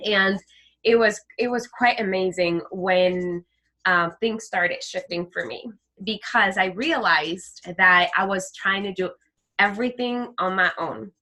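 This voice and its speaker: A woman talking as an interview guest about her faith, animated and heartfelt, often acting out the voices she quotes. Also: medium pitch, measured pace. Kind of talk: heartfelt faith testimony in conversation.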